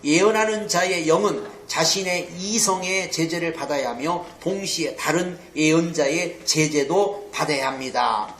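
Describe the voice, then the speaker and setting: High-voiced, emphatic preaching man. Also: unhurried, hardly any pauses, slight background noise. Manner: emphatic, animated, keeps asking "응?" and acts out quotes. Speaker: pastor teaching a theology lecture. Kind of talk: sermon-style Bible lecture. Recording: echoey room.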